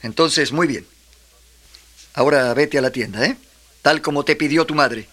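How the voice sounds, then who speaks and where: A man acts a stern but patient father in a children's audio drama. His voice is a little high and clearly bright, with a cautious, firm manner. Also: normal speed, slight background noise, lightly acted.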